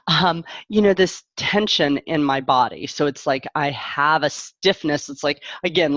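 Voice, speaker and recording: A middle-aged woman working as a parent coach talks candidly and reflectively on a casual live stream, frequently cutting herself off. Her voice is low-pitched, with no echo and the high frequencies cut off.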